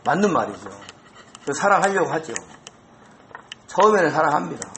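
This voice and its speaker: A male pastor preaching an expository sermon in a church, animated and asking the congregation rhetorical questions. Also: on the high side, slight background noise. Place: church sanctuary. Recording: roomy echo.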